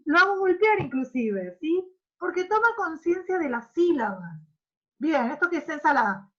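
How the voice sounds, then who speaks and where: A woman's voice: high-pitched, big pitch swings, normal speed, a bit bright. A woman teacher with an Argentine Spanish accent, giving an online class and exaggerating syllables to demonstrate them. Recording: muffled lo-fi audio.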